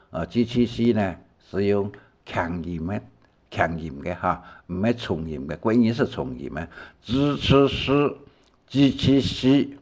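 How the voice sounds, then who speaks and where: Slow, lively-pitched older male teacher. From Taiwan. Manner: slow, rambling explanations with many fillers and repetitions. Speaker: Hakka language teacher. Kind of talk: recorded language lesson.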